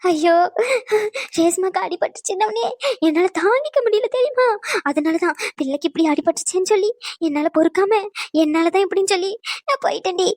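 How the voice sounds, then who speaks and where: A woman's voice: very high voice, a little fast, a little mellow, dry recording, studio quality, pitched above the performer's own voice. A woman voicing a fussing old grandmother who speaks in a tearful, sing-song wail. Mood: pleading. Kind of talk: cartoon dub voice acting.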